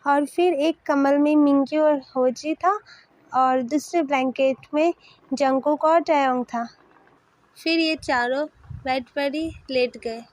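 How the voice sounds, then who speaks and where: A woman narrates a fan story with a steady, plain delivery. Her voice is high and the sound is dry and close. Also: slow, no room sound, poor audio.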